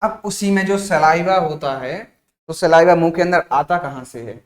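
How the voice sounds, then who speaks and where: Male teacher, explains step by step, fairly high voice. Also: moderate pace, roomy sound. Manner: explains step by step, repeats "ठीक है", asks then answers his own questions; jokes with students, calls them "भाई साहब". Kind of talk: exam-prep science lecture.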